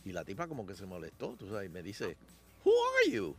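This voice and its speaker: A man hosts a radio talk show, telling anecdotes in a loose, lively way. His pitch moves around freely as he chats. Music plays faintly behind him. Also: fast, husky. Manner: laughing storyteller, mimics others in English. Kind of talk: casual radio chat.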